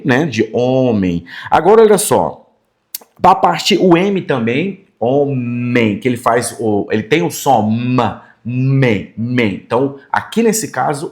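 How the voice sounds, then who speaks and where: Brief: Brazilian male teacher, mid-pitched, friendly explainer who repeats words aloud and checks in often. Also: darkish tone. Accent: Brazilian Portuguese. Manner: friendly, checks in often with quick tags like "fechou?" and "tá?"; sounds out words slowly and repeats them for emphasis. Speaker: Portuguese teacher. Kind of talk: explanatory grammar lesson.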